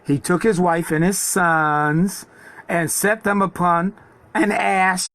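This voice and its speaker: A man reading scripture slowly and haltingly, then retelling it in casual, conversational preaching. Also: high-pitched, fairly even intonation, fairly bright tone, no echo. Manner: reads slowly with halting repeats, then paraphrases God in casual speech. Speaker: Bible teacher. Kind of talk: scripture reading with sermon commentary.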